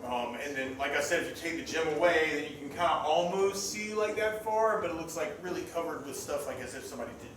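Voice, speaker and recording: A man's voice: fairly high pitch, lively intonation, fast, hardly any pauses, crowd noise. Echoey, distant man running a tabletop game. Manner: hesitant, piecemeal descriptions with many hedging words. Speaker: game master. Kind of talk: narrating a tabletop game, improvised and conversational. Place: roomy indoor game gathering. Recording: echoey room, distant mic, background sound.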